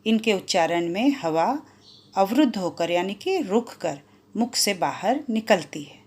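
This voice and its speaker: A woman's voice: medium pitch, sing-song, unhurried, a little mellow, husky. A woman teacher explaining Hindi grammar to schoolchildren, drawing out each example sound. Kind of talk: explaining a grammar lesson to children.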